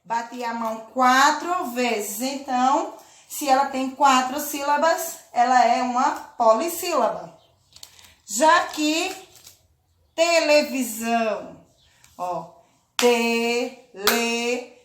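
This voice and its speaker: A woman teaching a children's lesson, speaking slowly and patiently, drawing out words and often checking in with her listeners. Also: sits high, animated, a bit bright, roomy sound, slight background noise. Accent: Brazilian Portuguese. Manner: slow, patient, drawn-out syllables with check-in questions. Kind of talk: children's lesson, clapping out syllables.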